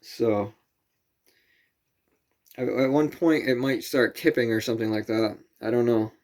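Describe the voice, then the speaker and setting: A man's voice: mid-range voice, unhurried, a little mellow. A man vlogging casually outdoors at night near a camper, rambling and correcting himself as he goes.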